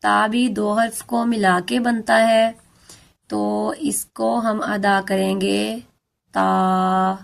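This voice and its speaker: A woman teaching a beginner Quran recitation lesson, slowly and carefully sounding out letters and words. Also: mid-range voice, flat delivery, gravelly.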